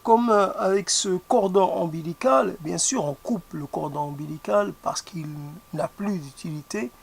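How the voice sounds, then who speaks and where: Musing reflectively as if in an interview, a speaker whose first language isn't French thinks aloud in French in a slow, gravelly, mid-range voice heavy with vocal fry. The speech is halting, full of pauses, fillers and restarts as they search for words.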